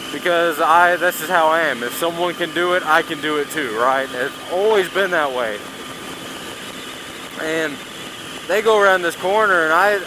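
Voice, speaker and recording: Male motovlogger, fairly high voice, loose sweary delivery from inside a helmet, clear engine noise throughout. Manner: talking from inside a motorcycle helmet; heavy casual swearing, blunt. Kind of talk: casual rambling vlog chat while riding. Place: outdoors on a moving motorcycle. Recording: loud engine and wind noise. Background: engine, vehicle and road noise.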